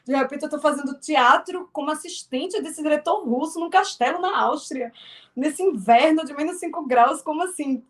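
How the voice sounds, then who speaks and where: A woman from Northeast Brazil with a strong Northeastern accent, a filmmaker and actress, chats casually as an interview guest. Her voice sits high with a fairly bright tone, she speaks at a moderate pace, and she restarts often.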